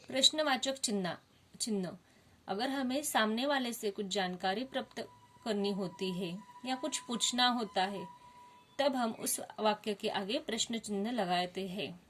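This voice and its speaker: A woman's voice: mid-range voice, unhurried, a bit bright, slight background noise. A woman teaching a Hindi grammar lesson to children, explaining step by step and asking the class questions.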